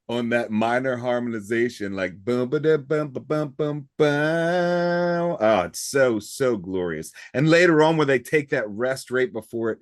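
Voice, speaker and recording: A man co-hosting a music podcast in casual chat, gushing with praise and humming rhythms out loud. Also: mid-range voice. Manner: gushing, hums rhythms aloud.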